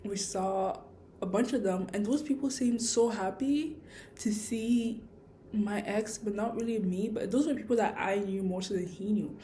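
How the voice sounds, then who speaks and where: A woman's voice: medium pitch, normal speed, dark tone, slight background noise. A woman vlogging a personal story in a casual, rambling, reflective way, with a lisp from wearing retainer-like aligners. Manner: rambling, reflective, self-questioning.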